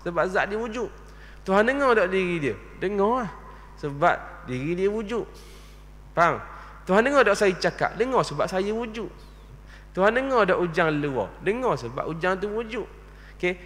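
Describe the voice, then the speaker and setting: Male mosque lecturer, 30s, fairly high voice, fires and answers his own questions, recorded in a reverberant prayer hall. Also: very animated, normal speed, fairly bright tone. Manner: rhetorical questions answered himself, checks understanding. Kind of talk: religious lecture. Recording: long reverb of a large hall.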